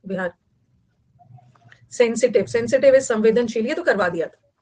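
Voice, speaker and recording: Woman, vocabulary teacher, online class lecture, chatty, repetitive, slightly high pitch. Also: moderate pace, mellow. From Bihar, India. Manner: chatty, repeats key words for note-taking.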